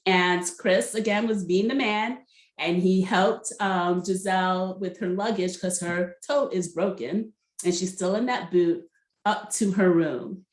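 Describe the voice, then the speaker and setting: A woman's voice: fairly low pitch, measured pace. Chatty woman recapping reality TV, roomy echo. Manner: gossipy, laughs often, asks viewers directly.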